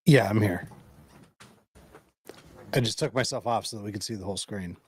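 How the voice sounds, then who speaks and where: A man's voice: lowish voice, normal speed, husky. A man co-hosting live coverage remotely, talking casually with a reporter in the field. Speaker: livestream co-host.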